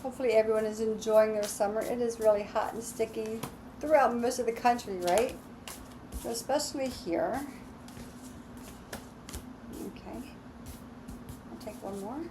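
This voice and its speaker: A woman reading tarot cards alone, talking in a slow, soothing, reassuring way. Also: fairly high pitch, noisy background. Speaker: tarot reader. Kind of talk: relaxed solo tarot reading.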